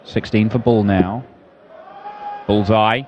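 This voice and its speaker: A man's voice: on the low side, fairly even intonation, slow, lo-fi sound, a little hiss or hum. A man giving live darts commentary as a broadcast commentator.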